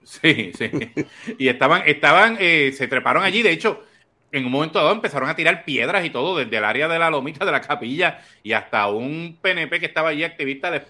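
A Puerto Rican man hosting a podcast, telling stories in animated casual political chat and laughing often. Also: on the high side, a little fast. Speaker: podcast host.

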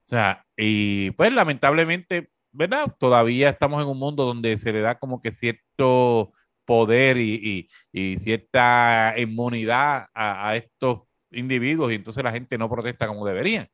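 A man with a Puerto Rican accent hosting a talk show, giving sarcastic, animated political commentary full of fillers. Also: mid-range voice, moderate pace, no echo, clean studio sound.

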